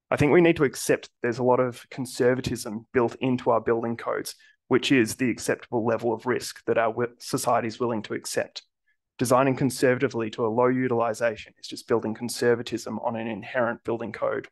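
A man, a structural engineer giving prepared remarks on a panel in a measured way. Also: mid-range voice, gravelly.

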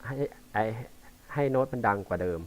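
A man teaching bass, explaining notation loosely and haltingly between examples played on the instrument. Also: loud music behind the voice. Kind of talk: casual instructional talk between playing. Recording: quiet voice under loud bass playing. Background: loud electric bass playing.

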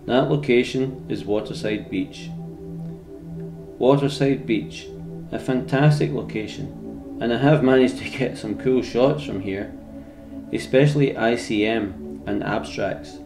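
Middle-aged man, Scottish accent, mid-pitched voice, informal vlog delivery, music in the background. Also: a little slow, vocal fry. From Scotland. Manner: informal, sweary. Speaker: landscape photography vlogger. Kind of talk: casual vlog talk and narration.

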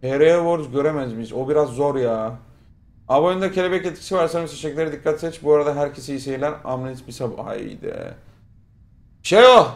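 A man from Turkey giving casual, crude, excitable commentary over a game he is playing, often shouting at it. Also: mid-range voice, fast, vocal fry. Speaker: gamer streaming a playthrough. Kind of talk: casual Let's Play commentary. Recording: game music playing underneath.

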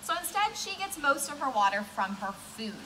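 Cheery, bright young woman zookeeper. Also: sits high, very animated, normal speed, slight background noise, poor audio. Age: 20s. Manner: cheery, friendly zookeeper explaining simply. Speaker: zookeeper presenting animal talks at a children's science center. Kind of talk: educational keeper talk to camera for children. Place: indoor room beside a reptile tank.

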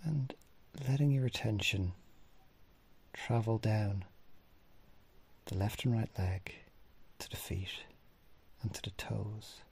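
With long pauses between slow, gentle instructions, a male meditation teacher leads a body scan. His low, husky, breathy voice frequently fades into almost a whisper.

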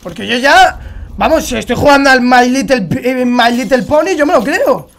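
A man's voice: extremely high pitch, lively intonation, normal speed, a bit bright. Man with a Spain accent, gaming streamer, exasperated ranting commentary full of swearing. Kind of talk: live gameplay commentary.

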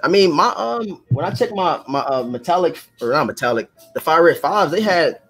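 A man's voice: on the high side, lively intonation, moderate pace, fairly bright tone, slightly rough, faint music behind. A man in his twenties chatting on a video call, loose and slangy, hesitating with fillers. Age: 20s. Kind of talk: casual group chat on a video call.

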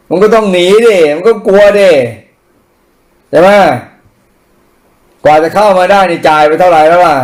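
A man's voice: fairly high pitch, darkish tone. A man giving blunt, profane political commentary in casual rant style, mocking and crude.

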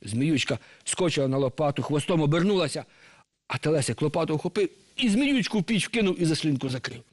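A male storyteller narrating a folk tale for children, his voice at an ordinary middle pitch. He is lively and turns to the young listeners with direct questions. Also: fairly quick.

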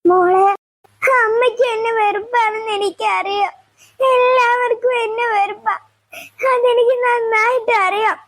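A melodramatic young daughter-in-law from a cartoon, played by a woman. She wails in a very high, sobbing whine and slips English words in between her sobs. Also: moderate pace. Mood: wailing. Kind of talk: cartoon voice acting.

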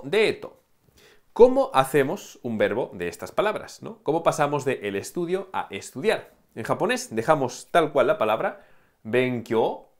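Animated man teaching Japanese. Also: mid-range voice. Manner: chatty, asks the listener "¿no?" often, chuckles. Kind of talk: lively classroom explanation.

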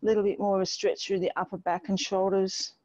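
A middle-aged woman with a mid-pitched voice instructs a workout class over a video call. She cues each move step by step and encourages as she goes. The sound is slightly dull and lo-fi, picked up by a device mic at a distance outdoors. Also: flat delivery, fast, darkish tone, a little hiss or hum. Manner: encouraging step-by-step cueing while exercising. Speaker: fitness instructor leading an online group class. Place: outdoor home patio with garden wall. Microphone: distant device microphone on a video call. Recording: dull, band-limited video call audio.

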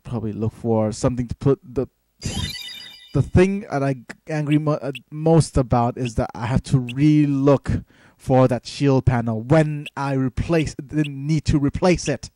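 Slow-talking man narrating a let's play. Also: mid-range voice, warm tone, no room sound. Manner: rambling, thinking aloud with many fillers.

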